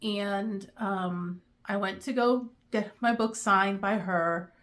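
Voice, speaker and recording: A woman's voice: mid-range voice, fairly even intonation, takes it slowly, a bit bright. Chatty middle-aged woman, rambling book haul. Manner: chatty and rambling, with many ums; emotional, near tears. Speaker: book vlogger. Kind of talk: casual chat.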